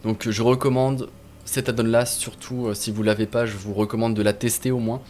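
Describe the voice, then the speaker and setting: A man's voice: on the low side, little pitch movement, brisk, darkish tone, a little hiss or hum. Chatty man with fillers. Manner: chatty, informal, many fillers and restarts. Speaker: gaming video host. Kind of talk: casual screen-share tutorial.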